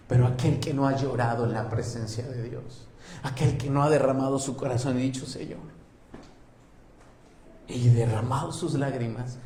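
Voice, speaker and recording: A man with a Mexican accent preaching a sermon as pastor, moving between loud emphatic passages and soft hushed ones. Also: medium pitch, reverberant, a little hiss or hum. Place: church.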